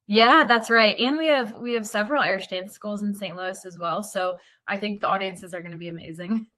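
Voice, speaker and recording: A woman's voice: mid-range voice, fairly quick, bright, forceful tone. Earnest young woman dancer on a video call. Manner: earnest, fluent, frequent ums. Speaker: dancer guest. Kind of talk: interview over a video call.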